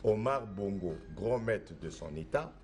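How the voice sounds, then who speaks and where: With a fairly low pitch and an unhurried yet animated delivery, a middle-aged man from the Republic of the Congo answers interview questions. A traditional spiritual master, he presses his points assertively and repeats them.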